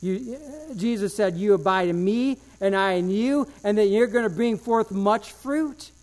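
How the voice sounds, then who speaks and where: Fervent high-voiced male preacher. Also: a little slow, a little mellow. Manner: fervent, rising and falling emphasis, repeats phrases. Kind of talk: sermon.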